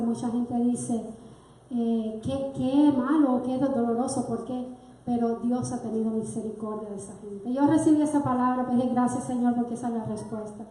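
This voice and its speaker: Standing before her church congregation, a woman from Cuba delivers a heartfelt, emotional testimony. Her voice is on the high side and mellow, captured in a very echoey church hall.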